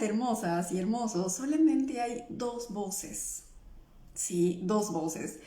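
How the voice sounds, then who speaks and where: A woman's voice: mid-range voice, warm tone. A woman talking live as an emotional healing coach, checking in with her listeners through constant questions. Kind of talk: live stream talk to viewers. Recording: echoey room.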